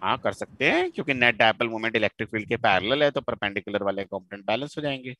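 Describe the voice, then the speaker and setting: A man's voice: fairly low pitch, expressive, fast talker, sharp tone, no room sound, rough recording. A man teaching a physics class in a mix of Hindi and English, quizzing students to draw out answers. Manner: questioning, coaxing students to answer; mixes Hindi with English terms. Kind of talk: live online physics class.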